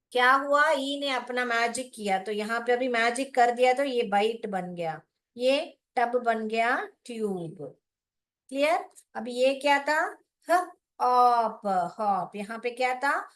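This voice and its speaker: Slow, patient woman teaching phonics. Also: on the high side. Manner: patient, asks many rhetorical questions; addresses learners fondly as children. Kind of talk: online class lecture.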